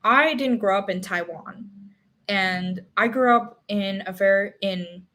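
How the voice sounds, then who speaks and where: Young woman chatting about a novel, lots of ums and restarts, average pitch. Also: measured pace, pushed and bright. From Singapore. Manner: thinking aloud with many fillers and restarts. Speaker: book club host. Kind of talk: casual book discussion.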